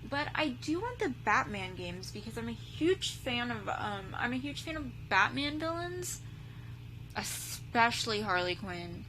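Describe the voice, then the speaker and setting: On a low-quality recording with a steady background hum, a young female vlogger reacts to a video in a slightly high, unhurried voice. She is chatty and rambling, her speech filled with "like" and "um".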